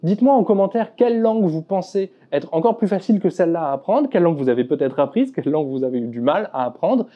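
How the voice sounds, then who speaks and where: A man's voice: fairly high pitch, lively intonation, fast talker, few pauses. Man, video host, casual commentary, candid, laid-back, muffled lo-fi audio. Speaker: language YouTuber. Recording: dull lo-fi sound.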